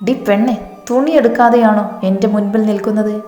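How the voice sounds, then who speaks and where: A woman voicing a bossy, teasing young man in a love story, with gruff, mocking retorts. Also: mid-range voice, fairly even intonation, a little fast, warm tone, natural voice. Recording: echoey, reverberant room with faint music.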